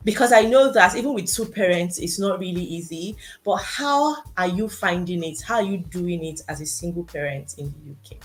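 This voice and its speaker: Woman, host, casual interview, lower voice, chatty, talks to viewers. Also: normal speed, few pauses. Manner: friendly, chatty, addresses viewers directly.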